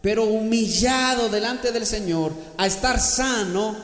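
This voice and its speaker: High-voiced preaching man in echoey church. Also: a little slow. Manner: preaching with surges into shouting, then dropping to soft speech; addresses the congregation as brother, asks them to repeat after him. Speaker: pastor. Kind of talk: sermon. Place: church sanctuary.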